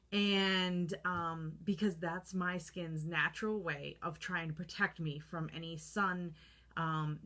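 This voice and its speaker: Woman, thirties, casual vlog to camera, lower voice, chatty with lots of fillers. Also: fairly bright tone. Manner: chatty, lots of fillers, acts out her own reactions. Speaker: holistic skincare vlogger. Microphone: camera close up, holding products to the lens.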